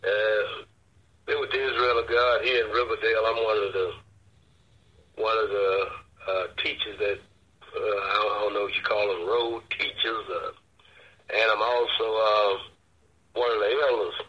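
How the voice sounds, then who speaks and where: An older man with an Arkansas accent, a church elder speaking as an interview guest in a folksy, halting way. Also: fairly low pitch, steady tone. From Arkansas, United States. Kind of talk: casual interview talk on faith. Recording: dull lo-fi radio or phone line.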